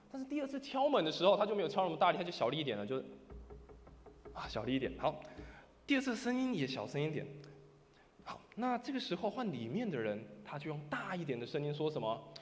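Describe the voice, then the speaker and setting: A man preaching a sermon as pastor, storytelling with swings from hushed to loud. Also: fairly high pitch, very animated, quick pace. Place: church sanctuary. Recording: reverberant church hall, faint noise.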